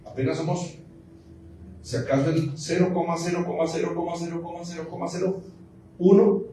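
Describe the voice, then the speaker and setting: A man's voice: a little high, fairly even intonation, brisk, warm tone, slight background noise. A man preaching a fervent sermon, calling on the congregation to repeat his words. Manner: fervent, call-and-response with congregation. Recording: echoey distant church room recording.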